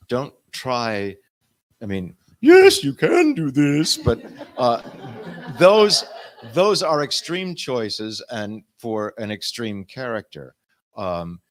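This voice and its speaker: A man, an audiobook narrator, talking on a convention panel in an animated, explaining way. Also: fairly low pitch.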